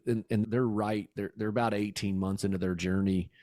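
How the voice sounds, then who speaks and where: A man's voice: lowish voice, fairly even intonation, brisk, dark tone, no echo, studio quality. A man hosting a business podcast and coaching, enthusiastic and affirming as he tells stories. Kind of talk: podcast interview.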